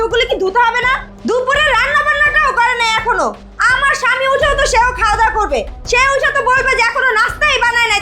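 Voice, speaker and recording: A woman plays a domineering young wife in a Bangladeshi short drama, scolding and nagging without pause. Her voice sits very high and bright, with a Bangladeshi Bengali accent. Faint music plays underneath. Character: shrill bossy young wife berating her mother-in-law. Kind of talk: amateur short drama acting.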